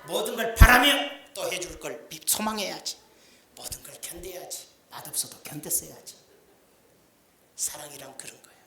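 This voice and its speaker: A man's voice: fairly high pitch, moderate pace, vocal fry, pauses often, pushed and bright, a little hiss or hum. A middle-aged male pastor preaching a sermon in a folksy, joking way, acting out little everyday scenes. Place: church sanctuary. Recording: echoey church sound.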